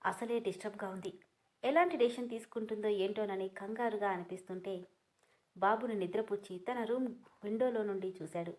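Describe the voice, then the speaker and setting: A woman storyteller reading an emotional family drama aloud, with steady, emotive narration. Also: medium pitch, a little fast.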